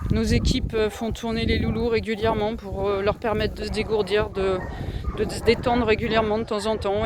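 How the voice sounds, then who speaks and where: Shelter worker over barking dogs. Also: background noise. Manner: hesitant, many filler sounds; high coaxing baby talk to the dogs. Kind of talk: casual guided tour. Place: outdoor dog shelter with kennels.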